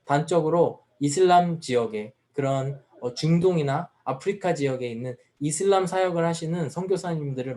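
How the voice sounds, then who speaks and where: A man's voice: fairly high pitch, darkish tone. A man preaching a sermon at a youth service as the pastor, earnest and full of rhetorical questions. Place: church.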